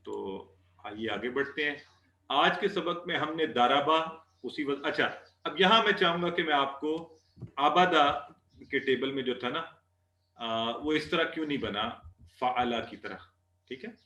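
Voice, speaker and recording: A man teaching an Arabic class, patiently repeating words slowly for students to drill. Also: mid-range voice, pushed and bright, roomy sound. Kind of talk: online class lesson.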